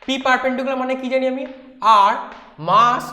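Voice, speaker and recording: A woman's voice: high voice, steady tone, a little fast, sharp tone, dull audio. A woman teaching physics who works through derivations step by step, asking questions aloud and checking with her students. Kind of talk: whiteboard lecture. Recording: echoey room.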